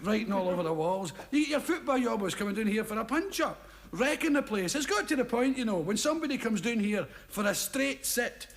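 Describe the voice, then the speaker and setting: A man's voice: high voice, animated, brisk. An actor playing a blunt, chatty lavatory attendant who keeps laughing through his lines. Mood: gossipy. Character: cheeky male veteran lavatory attendant.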